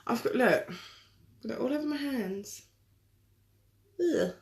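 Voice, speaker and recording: A woman chatting casually through a live makeup tutorial, self-deprecating and quick to laugh. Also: on the high side, animated, a little mellow. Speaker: makeup vlogger.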